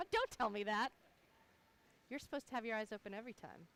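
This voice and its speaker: A woman's voice: fairly high pitch, animated, a little fast, a bit bright, slight background noise. A woman giving casual, technical feedback on dives at the poolside. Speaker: diving coach or knowledgeable spectator.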